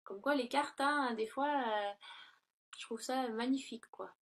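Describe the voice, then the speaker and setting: Hesitant, high-voiced woman reading tarot. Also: measured pace. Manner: hesitant, many fillers and self-corrections. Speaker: tarot reader. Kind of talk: casual tarot reading to camera. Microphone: laptop built-in mic.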